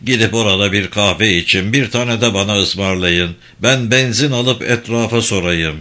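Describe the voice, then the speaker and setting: A man reading the lines of a brisk, practical local guide and driver. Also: lowish voice, pushed and bright. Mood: matter-of-fact.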